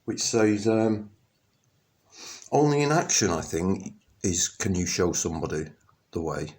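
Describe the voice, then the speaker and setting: In a low, darkish voice, a middle-aged English vlogger gives a rambling personal monologue to camera. It's halting, full of ums and fresh starts, until he bursts out emphatically.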